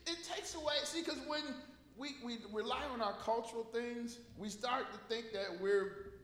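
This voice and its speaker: A man's voice: very high-pitched, normal speed, fairly bright tone, slight background noise. An American man preaching informally to a congregation, repeating phrases for emphasis and calling for responses. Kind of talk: informal, conversational sermon with call and response. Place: large echoey room, preaching to a congregation. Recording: echoey hall with long reverb.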